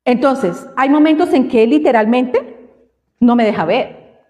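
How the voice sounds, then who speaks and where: A woman's voice: sits high, measured pace, darkish tone. A woman preacher delivering a fervent sermon and putting questions to her congregation. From Colombia. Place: church hall. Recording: reverberant hall, dull lo-fi sound.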